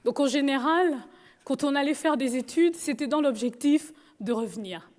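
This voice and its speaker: A woman's voice: sits high, moderate pace, a little mellow. A woman from Gabon, telling her life story with humor. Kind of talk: personal storytelling talk.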